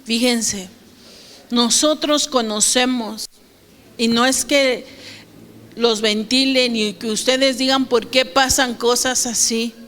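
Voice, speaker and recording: A woman's voice: on the high side, steady tone, slow, a bit bright, in a large hall. A woman pastor preaching a sermon, asking the congregation questions and acting out quotes.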